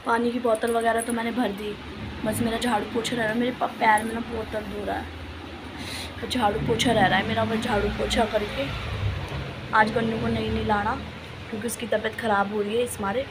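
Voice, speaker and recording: A woman's voice: a little high, level tone, normal speed, background noise. A young woman chatting casually to her viewers in a home vlog, talking about chores and her day. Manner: chatty, talks to viewers as guys. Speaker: vlogger.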